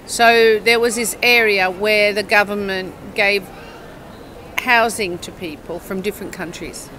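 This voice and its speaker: An Australian woman in her sixties with a bright, forward voice tells her story in a relaxed outdoor interview. She rambles and corrects herself, often checking that the listener is following. She speaks into a lapel mic at a cafe table on a town square, with faint street sound behind her. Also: mid-range voice, unhurried, a little hiss or hum, poor audio. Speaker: university English teacher. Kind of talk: casual interview, long storytelling answers.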